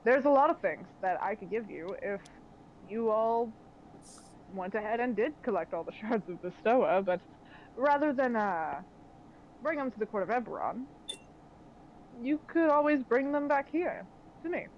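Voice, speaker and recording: A woman's voice: fairly high pitch, lively intonation, normal speed, long pauses. A woman voicing a suave, scheming man who bargains with mock politeness in a tabletop game, on a slightly dull recording with faint noise. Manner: smooth, theatrical, mock-polite. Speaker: game master.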